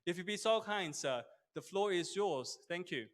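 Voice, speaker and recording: A man's voice: high-pitched, expressive, normal speed. A man moderating a hybrid seminar from a studio, speaking politely and formally with frequent hesitant fillers. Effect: big hall echo. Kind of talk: formal event hosting. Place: studio hall. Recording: long hall reverb.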